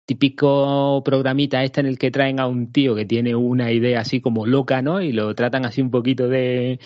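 A man from Spain with a Spanish accent, co-hosting a podcast in relaxed casual chat, telling stories and laughing often. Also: mid-range voice, normal speed, no room sound, lo-fi sound. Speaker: podcast co-host.

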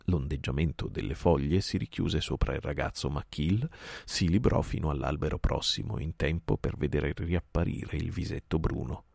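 A man narrating a classic story in a calm, steady night-time reading. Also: very deep voice, moderate pace, creaky, breathy edge, dry recording, studio quality.

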